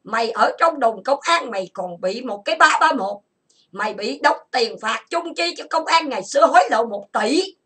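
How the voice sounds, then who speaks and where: A woman from Vietnam who hosts an online chat room, delivering an angry monologue full of insults and grievances, listed in rapid bursts. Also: fairly high pitch, expressive, a bit bright, breathy edge.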